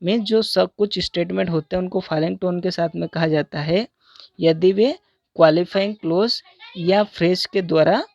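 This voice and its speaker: A man teaching a recorded lesson on English intonation in Hindi. He has an Indian English accent and reads the English example sentences slowly and deliberately. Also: sits high, creaky, a little mellow, no echo, dull audio.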